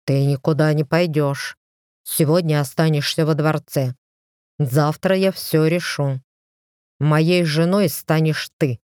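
A woman's voice: sits low, fairly even intonation, takes it slowly, a little mellow, clean tone, no echo, clean studio sound. A woman voicing a proud, commanding male lord who speaks firmly and curtly. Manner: firm, curt, commanding. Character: stern proud male lord, a dragon-like ruler.

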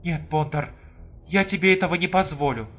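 A man's voice: fairly high pitch, normal speed, a bit bright, faint music behind, pitched above the performer's own voice, natural voice. A male audiobook reader voicing an anxious, insistent adult woman in a pleading manner. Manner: pleading, insistent, rising in alarm. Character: distressed determined adult woman. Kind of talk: audiobook reading.

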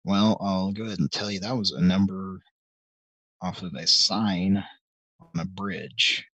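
A middle-aged man hosts a live call-in stream, rambling casually with many hesitations, ums, and restarts, plus wry self-deprecating asides. His voice is low, husky, pushed and bright, with a steady tone and a slightly slow pace. The recording is dry and lo-fi.

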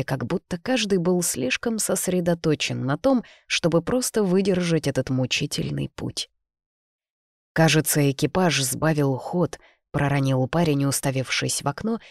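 Audiobook reader, steady first-person storytelling, mid-range voice, dry close mic. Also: mid-range voice, no room sound. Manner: measured, even storytelling. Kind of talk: scripted narration.

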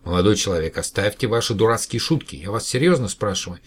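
A man's voice: lowish voice, expressive, fast, breathy edge. A man voicing a sleepy, irritable elderly professor who grows indignant and fussy. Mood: stern. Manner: fussy, indignant, then coaxing.

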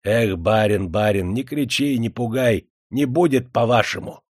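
A man's voice: medium pitch, unhurried, breathy edge, dry recording, studio quality. A man doing a defiant old servant. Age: older. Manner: mocking, defiant.

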